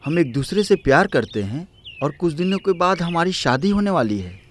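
Earnest young husband. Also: male voice, on the high side, very animated, normal speed, a little hiss or hum. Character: young husband Rabin, dutiful son. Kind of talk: cartoon voice acting. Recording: music bed under dialogue.

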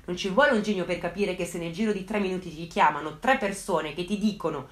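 A woman's voice: lowish voice, fast, echoey room. A woman narrating a true crime story to her viewers, indignant and breaking off with outraged asides.

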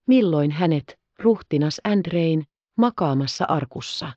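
Calm woman audiobook narrator. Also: low-pitched, dry recording, dull audio. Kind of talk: scripted narration.

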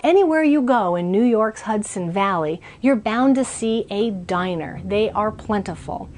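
A woman's voice: medium pitch, lively intonation, a little slow, darkish tone. Woman, cooking show host, upbeat, step-by-step, small RV kitchen, medium-distance mic. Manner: upbeat, chatty, step-by-step instructions. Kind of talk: cooking demonstration.

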